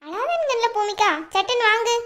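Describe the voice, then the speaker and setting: A bossy older aunt in a cartoon, voiced by a woman, scolding and fussing in a very high, piercing voice. She gives orders and nags without pause. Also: lively intonation, a bit bright. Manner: scolding, nagging, commanding. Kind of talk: cartoon voice acting.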